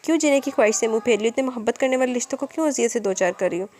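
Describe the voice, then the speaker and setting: A woman reading the lines of a spirited young woman, earnest and soft-spoken to a friend. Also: a little high, expressive, racing, a little hiss or hum, natural voice.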